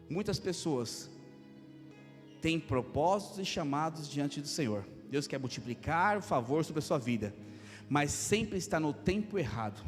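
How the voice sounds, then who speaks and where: A Brazilian man in his thirties, a pastor preaching a lively sermon with jokes and acted asides. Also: high voice. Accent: Brazilian Portuguese. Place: church hall. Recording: long hall reverb, faint music.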